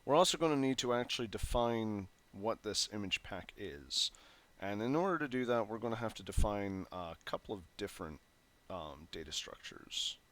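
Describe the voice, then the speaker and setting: Typing his way through code in a casual tutorial, a man thinks out loud with fillers and self-corrections, his throat phlegmy enough that he keeps clearing it. He hosts the programming session in a lowish, animated, fairly bright voice at a moderate pace. Keyboard clicks and typing can be heard behind him.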